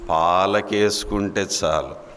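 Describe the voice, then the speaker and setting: A man's voice: low-pitched, takes it slowly, a bit bright. A man preaching a sermon as pastor, exhorting his congregation, asking them questions and having them repeat points aloud. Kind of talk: sermon with call-and-response teaching. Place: church hall. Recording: echoey hall with faint background noise.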